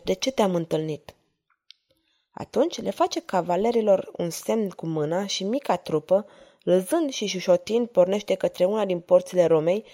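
A woman narrating a historical novel in an expressive, measured reading. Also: medium pitch. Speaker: audiobook narrator.

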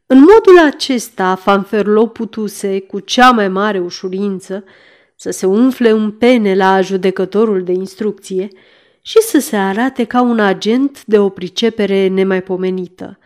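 A woman narrates a classic novel for an audiobook, reading in a steady, expressive way. Her voice sits at an ordinary middle pitch. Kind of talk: scripted narration.

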